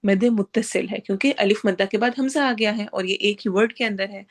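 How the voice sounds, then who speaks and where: A woman teaching Quran recitation, explaining pronunciation rules in a brisk, instructive way. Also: medium pitch. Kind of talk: tajweed lesson.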